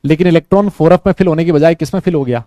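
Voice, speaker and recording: A man's voice: a little high, racing, dry recording. A male chemistry teacher giving a classroom lecture. He checks with the class after nearly every sentence, coaxes students to answer, and jokes with them along the way. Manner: lively, joking teacher banter.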